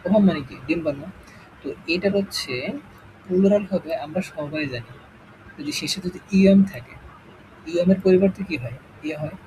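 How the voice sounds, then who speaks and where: A man's voice: high-pitched, moderate pace, pauses often, darkish tone, a little hiss or hum, low-quality recording. A man with a Bangladeshi Bengali accent teaching an exam-prep English lesson, explaining step by step and checking in with "okay?" after each point.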